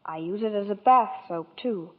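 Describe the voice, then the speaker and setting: Here a guest starlet from New York chats on a 1940s radio interview, the sound thin and tinny. She speaks at medium pitch and an ordinary pace, keeping the scripted exchange sweet and courteous.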